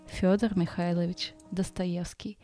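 This podcast host's voice is lowish and warm, with a level tone and a slightly slow pace. She tells a bedtime story informally, chatty and full of asides, as music plays in the background. A speech impediment gives her a burred, non-rolled r.

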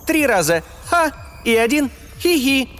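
A man's voice: very high voice, sing-song, measured pace, fairly bright tone, voice pushed up, exaggerated voice. A man voicing a cynical, nasty spaceship artificial intelligence in an audiobook, with a gloating, cawing delivery. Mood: mocking. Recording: long reverb, music behind.

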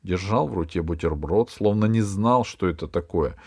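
A man narrating a children's adventure audiobook in an even storytelling manner. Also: low-pitched, moderate pace, slightly rough. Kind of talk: scripted narration.

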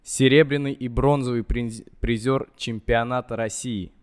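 A man's voice: medium pitch, fairly even intonation, moderate pace, clean tone. A man co-hosting a podcast, introducing the topic and guest with playful mock formality. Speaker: podcast co-host. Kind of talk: casual podcast talk.

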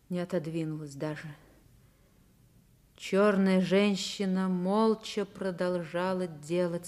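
A woman acting a grave, defiant woman who recalls her harsh youth, in a breathy, hushed, solemn 1960s radio drama narration. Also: mid-range voice. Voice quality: breathy, often hushed to a whisper. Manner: slow, solemn, impassioned declaiming. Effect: old radio show sound.

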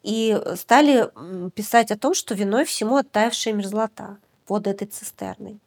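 A woman's voice: medium pitch, moderate pace, gravelly, a little mellow. A woman documentary director from Yakutia, talking through her work in a podcast interview, reflective and full of hesitations. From Yakutia, Russia. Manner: reflective, hesitant, many filler sounds.

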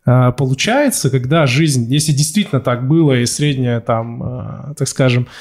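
A man's voice: mid-range voice, normal speed, darkish tone. A man in his thirties leads a casual podcast conversation. He talks in a loose, self-ironic way, trailing into fillers and restarts as he fires off blunt questions in an ordinary mid-range voice. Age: 30s. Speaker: podcast host.

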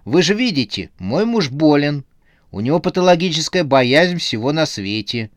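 A man's voice: on the high side, big pitch swings, normal speed, dry recording, clean studio sound. A man voicing an anxious young wife in a comic horror audiobook, alarmed and protective of her husband. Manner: alarmed, pleading.

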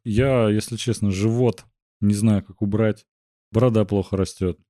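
A man's voice: on the low side, fairly even intonation, normal speed, warm tone, no room sound, clean studio sound. A man co-hosting a podcast, chatting casually with jokey, sweary banter. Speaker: podcast co-host.

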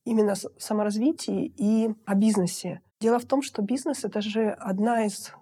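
A woman in her fifties chats as an interview guest, lively and quick to laugh. Her voice is mellow and slightly husky, at a middle pitch. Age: 50s. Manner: lively, chatty storyteller who laughs easily. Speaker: guest, outsourced finance director. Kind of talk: casual interview talk.

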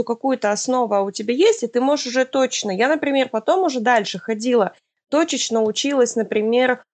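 A woman talks casually in an interview, explaining things in an informal way. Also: fairly high pitch.

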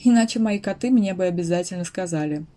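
A woman's voice: fairly low pitch, fast talker, mellow, close to an everyday voice. Woman voicing a cocky teenage schoolboy. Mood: indignant. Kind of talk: audiobook character reading.

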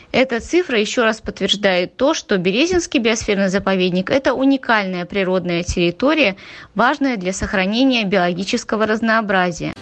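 A woman speaking as a nature reserve scientist, giving a prepared, formal explanation. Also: on the high side.

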